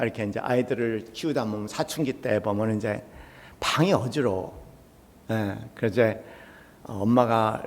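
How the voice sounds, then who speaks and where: A male pastor delivers a sermon in a relaxed, conversational manner and tells stories with acted-out voices. His voice sits at a middle pitch for a man, and the long reverb of a church sanctuary trails behind each phrase. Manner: conversational storytelling, acts out quoted voices. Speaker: senior pastor.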